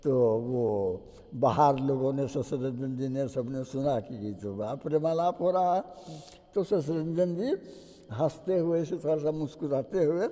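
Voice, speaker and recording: A man slowly and expressively recounting a deeply emotional personal story. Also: long reverb tail. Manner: slow, expressive, heartfelt, with vivid gestures. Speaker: devotee telling a personal story.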